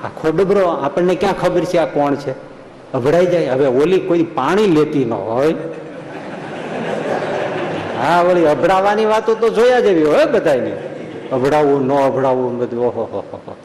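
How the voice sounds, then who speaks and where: A man's voice: on the high side, animated, moderate pace, a little mellow, a little hiss or hum. Man preaching a folksy sermon. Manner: folksy, acts out voices in the story. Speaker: swami. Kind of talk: storytelling sermon. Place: temple school hall. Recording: echoey hall with long reverb.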